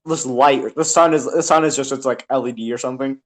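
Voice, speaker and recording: A man's voice: mid-range voice, a little fast. A young man chatting casually on a podcast with friends, rambling and laughing, full of restarts and fillers.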